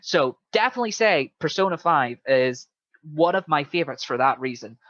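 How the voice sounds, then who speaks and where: A man's voice: a little high, animated, moderate pace, a bit bright, dry recording. Guy podcaster chatting about video games, acts out quotes as he goes, bit lo-fi and muffled. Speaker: podcast co-host. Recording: dull, muffled lo-fi sound.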